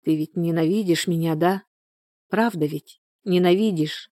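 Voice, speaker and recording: A woman's voice: fairly low pitch, unhurried, warm tone, dry recording, clean studio sound, close to an everyday voice. A woman reading an audiobook, voicing a distraught, tearful pregnant young woman who pleads in broken repetitions. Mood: pleading.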